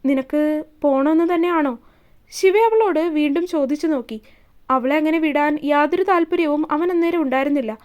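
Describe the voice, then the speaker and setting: A woman storyteller reads a romance serial aloud with steady expression. Her voice is high and light. The telling is even and unhurried.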